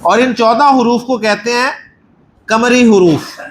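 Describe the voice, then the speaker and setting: Slow, high-voiced male Quran teacher. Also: roomy sound, a little hiss or hum. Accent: Pakistani Urdu. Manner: patient, quizzes students and praises answers. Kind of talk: classroom lesson on Arabic grammar. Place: mosque classroom.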